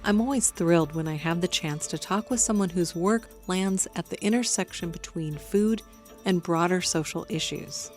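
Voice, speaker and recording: A woman's voice: on the low side, darkish tone. A woman hosting a radio program, giving a scripted introduction to her guest. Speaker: radio host.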